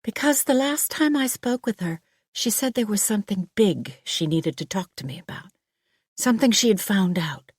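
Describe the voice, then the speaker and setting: A woman's voice: mid-range voice, lively intonation, normal speed, a little mellow, breathy edge, no echo, clean studio sound, voice pushed up. Woman reading a worried polite doctor. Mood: concerned. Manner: polite and concerned.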